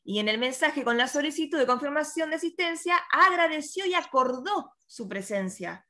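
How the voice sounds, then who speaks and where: A woman's voice: high-pitched, expressive, normal speed, pushed and bright. A woman playing a fussy, formal office secretary who gets flustered. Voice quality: prim, formal and easily flustered. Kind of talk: amateur theatre play over video call.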